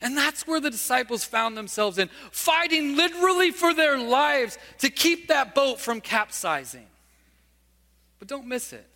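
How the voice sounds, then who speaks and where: A man's voice: very high-pitched, big pitch swings, measured pace, vocal fry, pushed and bright, big-room sound. A male pastor preaching a sermon, telling a story and asking his listeners questions.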